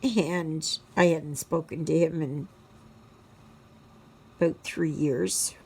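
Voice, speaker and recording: Low-pitched and steady, with vocal fry and a slightly rough edge, a Canadian woman in her sixties talks her way through a home stitching session for her channel. Casual, slow and reflective, she rambles with frequent fillers and soft murmurs to herself.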